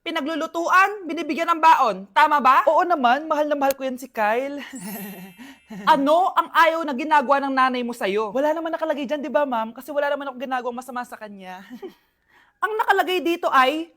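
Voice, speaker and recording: A woman's voice: high-pitched, a little fast, bright, forceful tone. A woman performing short comedy skits, switching between characters as she voices every part herself. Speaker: sketch performer voicing all parts.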